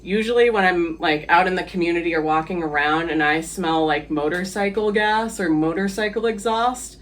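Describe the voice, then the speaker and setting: A man's voice: sits high, moderate pace, a bit bright. A man from the Philippines, a guest on an interview podcast, talking casually and hesitantly with many fillers and easy laughs.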